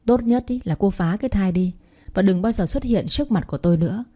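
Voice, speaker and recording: A woman's voice: medium pitch, fast talker, warm tone, close to an everyday voice. A woman doing a harsh, cold young man. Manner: harsh, dismissive. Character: harsh young man rejecting his pregnant girlfriend.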